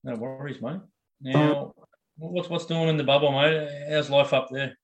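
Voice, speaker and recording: A man's voice: a little high, fairly even intonation, a little slow, poor audio. Blokey Australian man hosting casual sports chat. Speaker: podcast co-host interviewing.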